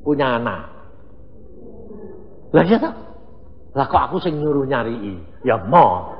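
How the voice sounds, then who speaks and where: A middle-aged male pastor, preaching in an animated storytelling manner with sudden loud outbursts. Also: a little high, slight background noise. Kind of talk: sermon. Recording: dull, hall reverb.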